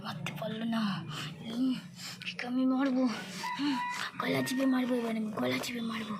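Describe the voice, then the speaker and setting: A woman voicing a cruel, gloating witch who mutters low and breathy, over a noisy home recording. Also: level tone, moderate pace.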